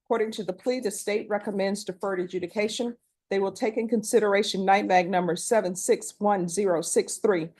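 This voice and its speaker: Courtroom recording: a woman judge with a mellow, dark voice and a brisk, formal delivery. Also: mid-range voice, fairly even intonation. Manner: brisk, formal, reads set questions. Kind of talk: formal plea admonishments.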